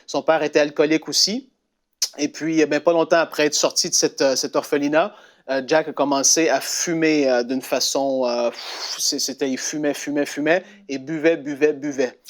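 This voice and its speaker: Animated Québécois French man telling a story. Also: fairly high pitch, normal speed. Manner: animated, with many fillers and restarts. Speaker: co-host.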